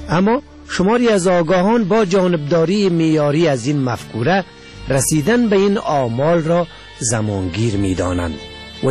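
Afghan dari-accented guy narrating an essay, lots of pitch movement, faint music behind. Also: a little mellow. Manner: measured, essay-like reading. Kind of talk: scripted narration.

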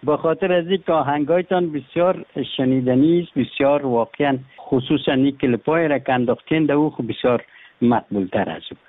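A man hosting an interview, asking questions in a friendly, playful way. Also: medium pitch. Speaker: interview host. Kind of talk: casual interview talk. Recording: tinny phone-like line.

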